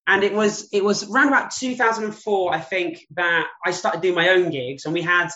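A man's voice: sits high, brisk, sharp tone. A man in his late thirties hosting a casual chat, enthusiastic and reminiscing. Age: 30s. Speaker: podcast host. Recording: echoey, dull lo-fi sound.

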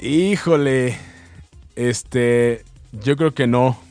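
A man with a Mexican accent in casual conversation, relaxed and rambling, full of slang and restarts. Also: medium pitch, drawn-out words, no room sound, faint music behind. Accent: Mexican Spanish. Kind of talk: casual chat.

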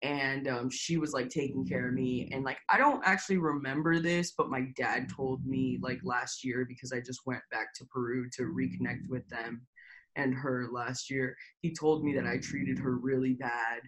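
A woman's voice: very deep voice, steady tone, normal speed, fairly bright tone, poor audio. A young woman from Florida talking candidly in an interview, hesitant, full of fillers and the odd swear word. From Tampa, Florida, USA. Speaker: interview guest. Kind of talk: personal interview.

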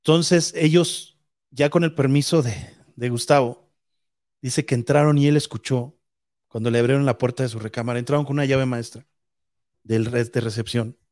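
A man's voice: mid-range voice, steady tone, normal speed, darkish tone. A man with a Mexican accent telling a ghost story in a casual, rambling, suspenseful way.

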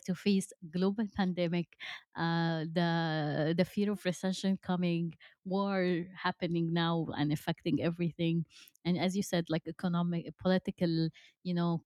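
A woman's voice: lowish voice, darkish tone, no room sound, clean studio sound. A woman in her thirties hosting an interview, chatty with many fillers and restarts. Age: 30s. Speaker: host. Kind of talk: conversational interview.

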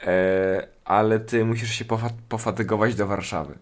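A man's voice: fairly low pitch, steady tone, moderate pace. A man co-hosting a casual podcast, joking around, swearing freely and pleading for subscribers. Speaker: podcast co-host and channel owner.

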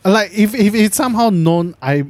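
Singaporean man chatting, lightly higher voice. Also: expressive, normal speed, darkish tone, no room sound. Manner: colloquial Singlish phrasing. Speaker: podcast co-host. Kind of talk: casual chat.

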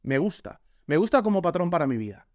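Spanish male preacher, high, very animated voice, jokey, dry close sound. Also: quick pace, dry recording. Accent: Spain. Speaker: pastor. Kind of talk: sermon.

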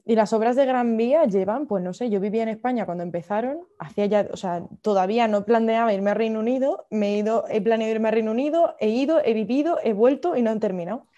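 This chatty young Madrid woman, with a Madrid Spanish accent, tells stories and laughs often while hosting a casual podcast. She talks fast with hardly any pauses, in a mellow voice on the high side, and the recording has its highs cut off.

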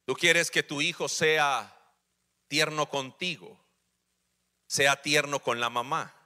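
A man's voice: a little high, pushed and bright. A man in his forties preaching a sermon in a church, acting out little family dialogues with humor. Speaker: pastor. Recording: church hall reverb.

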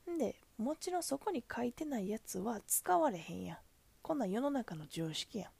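A woman's voice: on the high side, sing-song, a little fast, creaky, warm tone, slightly rough, no room sound. A woman with a Kansai accent, a cashier, venting in a chatty, exasperated way about customers at the register. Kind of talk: casual venting monologue.

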